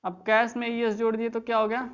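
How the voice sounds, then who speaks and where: A woman's voice: a little high, monotone, fast, clean tone, dull audio. A woman teaching English grammar in an online class, explaining step by step and often checking that students follow.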